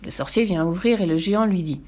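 A woman narrating a storybook in a lively, playful way. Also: lowish voice, fast, slight background noise. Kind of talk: storybook reading.

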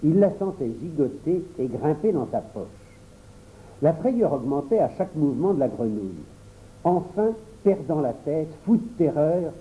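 A man reading a children's story aloud, expressive storytelling. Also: on the high side, slight background noise, low-quality recording. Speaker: narrator.

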